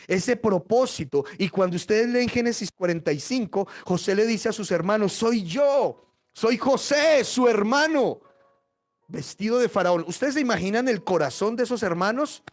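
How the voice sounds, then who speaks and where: A male pastor preaching an impassioned sermon, acting out biblical voices and dropping to hushed tones. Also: sits high, fairly quick, few pauses.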